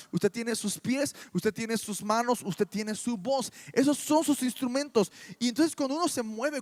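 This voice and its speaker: A man with a Mexican Spanish accent preaching a sermon in church, animated and full of rhetorical questions. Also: very high voice.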